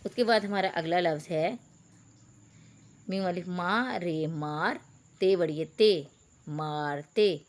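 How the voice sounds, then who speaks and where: A woman's voice: lowish voice, takes it slowly, pauses often. A woman teacher, patiently spelling out words letter by letter in an online reading lesson for young pupils. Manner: addresses pupils as beta.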